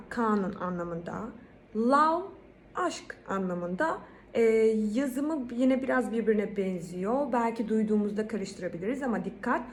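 A woman with a Turkish accent giving a pronunciation lesson, saying each English word louder and higher, then explaining it calmly. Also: a little hiss or hum. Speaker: English teacher.

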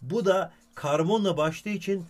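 A man with a high voice and moderate pace teaches chemistry as a playful comedy bit. He teases his student in an animated way, repeatedly praising them and using their name.

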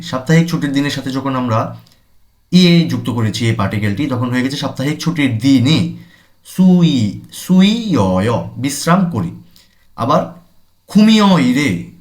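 A man from Bangladesh teaching a language class at an unhurried, deliberate pace. His pitch rises and falls a great deal as he stresses words. He repeats each term and then explains it. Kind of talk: recorded language lesson. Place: language center classroom or studio.

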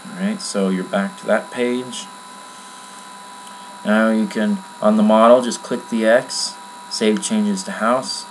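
A man giving a casual, rambling screen-recorded software tutorial from his computer at home, with many fillers. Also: lowish voice, steady tone, slow pace, a little hiss or hum, low-quality recording. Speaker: tutorial maker.

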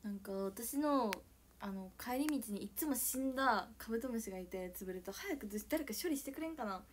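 Young woman, Okayama accent, fairly high voice, casual live-stream chat, squeals and giggles, sudden whispers. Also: moderate pace, slight background noise. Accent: Okayama Japanese. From Okayama, Japan. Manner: animated, swings from squealing shouts to soft whispers, frequent giggles.

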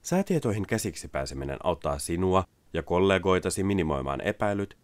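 A man narrating a scripted product voice-over in an even, explanatory way. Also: low voice, dry recording.

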